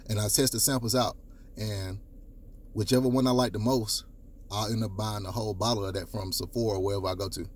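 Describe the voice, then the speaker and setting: Deep-voiced man giving blunt dating advice. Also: steady tone, normal speed, pauses often, slight background noise. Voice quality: deep baritone. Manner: coaching, emphatic, repeats points, casual profanity. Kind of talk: direct-to-camera advice talk.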